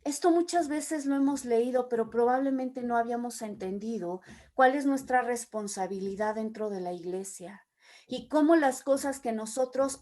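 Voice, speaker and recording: A woman's voice: high voice, a little mellow. A woman leading a Bible study, reading scripture aloud and explaining it with everyday examples. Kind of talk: Bible teaching.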